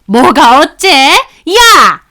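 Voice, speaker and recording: A woman's voice: high-pitched, sing-song, extremely slow, bright, forceful tone, voice pushed up, heavily acted. A woman voicing a middle-aged future mother-in-law who scolds shrilly and talks down to her son's fiancée. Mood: indignant, scolding.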